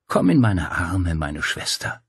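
A man voicing a calm, persuasive male cult leader who coaxes and quietly threatens. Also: sits low, slow, no room sound, clean studio sound, exaggerated voice. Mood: coaxing. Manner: smooth, coaxing, quietly menacing.

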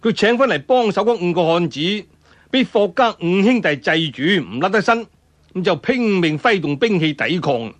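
This storyteller, a man with a Cantonese accent, recounts a martial-arts tale at normal speed in a high voice full of lively intonation. His traditional delivery is colloquial and dramatic, with spoken sound effects and frequent interjections.

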